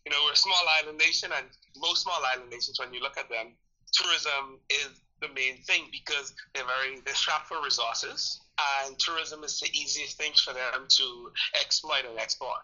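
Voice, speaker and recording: Here the Bahamian tourism ministry employee sounds bright and forceful, speaking at a moderate pace in a medium pitch. Interviewed casually, he answers expressively and tends to repeat phrases for emphasis; high frequencies are cut off.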